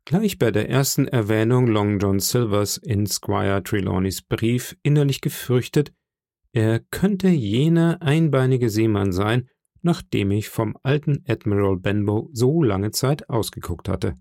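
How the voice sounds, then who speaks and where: Slow gravelly man narrating a story. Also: lowish voice, dry recording, studio quality. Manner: measured, expressive storytelling. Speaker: audiobook narrator. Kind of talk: scripted narration.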